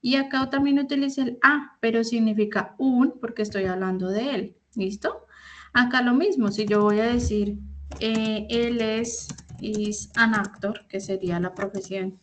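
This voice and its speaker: A woman's voice: a little high, fairly even intonation, moderate pace, slight background noise. A woman in her thirties, an English teacher giving an online class, explaining step by step and often checking that her students follow. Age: 30s. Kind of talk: online class instruction in Spanish.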